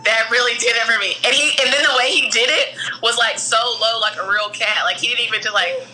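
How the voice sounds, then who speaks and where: A young woman chatting casually, telling a funny story in an animated, slangy way and often breaking into laughter. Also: a little high, fairly quick, slight background noise, poor audio.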